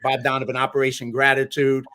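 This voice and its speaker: A man's voice: mid-range voice, completely flat delivery, quick pace, sharp tone. A man from the Bronx, hosting a podcast and putting questions to his guest in a conversational way. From New York (the Bronx). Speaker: podcast host. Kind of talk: interview questions.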